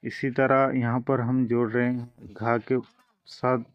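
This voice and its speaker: Slow, patient male language teacher. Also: mid-range voice, flat delivery, no room sound, dull audio. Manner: patient, explanatory, drawing out example sounds. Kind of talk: step-by-step lesson narration.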